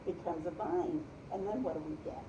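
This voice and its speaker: A woman teacher with a fairly low voice reads a picture book aloud to a preschool group, turning it into storytime with questions. She echoes and praises the pupils' responses, speaking at a moderate pace. The recording is lo-fi and roomy, made with a distant mic, and the background is noisy.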